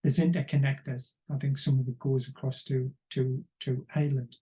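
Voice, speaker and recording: A man giving unscripted political commentary, rambling and wry, often pausing to search for words. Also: mid-range voice, flat delivery, warm tone.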